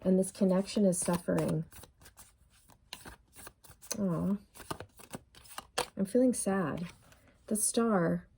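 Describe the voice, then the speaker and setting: Low-ish, creaky and dark, her voice carries a faint hiss or hum. She's a tarot reader working through a casual reading at an unhurried pace, full of fillers, noting that she's losing her voice.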